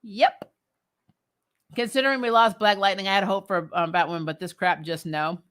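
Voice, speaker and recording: Reading out viewer comments and replying to them, the host of a recap livestream talks casually, bluntly, and with plenty of opinion, sounding exasperated and giggly. Her mid-range voice is a bit bright, with fairly even intonation and a normal speed.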